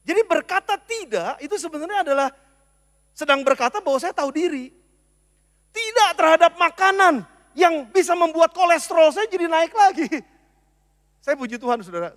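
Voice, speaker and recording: A man preaching a sermon as pastor, animated, moving from loud emphasis to soft asides. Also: very high-pitched. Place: church. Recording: long church hall reverb.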